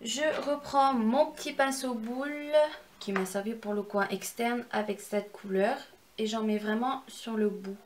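A young woman hosts a casual makeup tutorial, explaining each step as she goes. Her voice sits slightly high, and she talks in a chatty, instructive way with self-deprecating asides. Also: a little slow, a little hiss or hum. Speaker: beauty vlogger.

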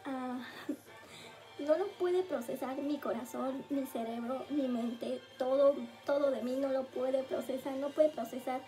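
A young woman gushes excitedly as she reacts to a music video, sometimes speaking in a hush. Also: sits high, slow pace. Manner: gushing, exclamatory, hushed at times.

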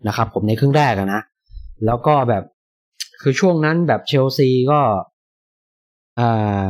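A man hosting a casual post-match football chat, polite and talkative, often pausing to think aloud and padding his sentences with soft filler words. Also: mid-range voice, no echo. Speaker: football fan channel host.

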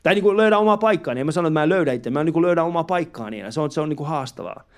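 A man with a high voice performs a stand-up set on a club stage. He tells his story in a lively way, slips into other people's voices, and peppers his talk with swearing and filler words. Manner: animated storytelling, acts out taxi drivers. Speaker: stand-up comedian. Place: live comedy club stage. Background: audience laughter.

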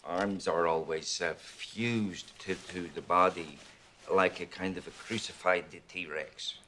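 An actor playing a middle-aged man who hunts a creature, speaking with a halting French Canadian accent and many pauses. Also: low voice, fairly even intonation, bright, forceful tone, a little hiss or hum, full character voice. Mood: rambling. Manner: halting, full of uhs. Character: gruff middle-aged male hunter of a creature. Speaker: film character, investigator.

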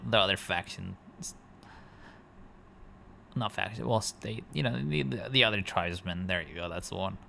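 A man's voice: lowish voice, vocal fry, pushed and bright, a little hiss or hum. A man giving rambling gameplay commentary, thinking aloud and correcting himself as he goes. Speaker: gaming commentator.

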